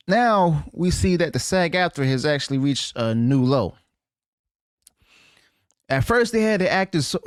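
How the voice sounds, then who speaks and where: A man's voice: fairly high pitch, no echo. Wry male news-commentary host, dry sound. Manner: wry, disbelieving, stumbles and self-corrects often.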